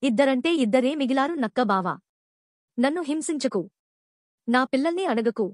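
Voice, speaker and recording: A woman's voice: high voice, expressive, moderate pace, no echo, studio quality. Woman voicing a frightened mother dove. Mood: pleading. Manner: pleading. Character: frightened mother dove, pleading for her chicks.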